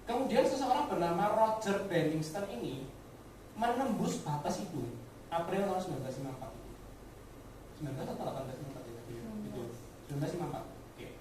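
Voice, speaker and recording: Rapid-fire and lively in intonation, with a voice on the low side, a woman rallies colleagues in a business talk full of direct rhetorical questions and sprinkled English words. A distant mic, strong echo and faint noise color the sound.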